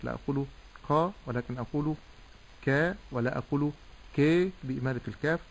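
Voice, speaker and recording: A man teaching correct Quran recitation, explaining pronunciation slowly and drawing out vowels to demonstrate. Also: medium pitch, gravelly, low-quality recording. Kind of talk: tajweed lesson with recitation.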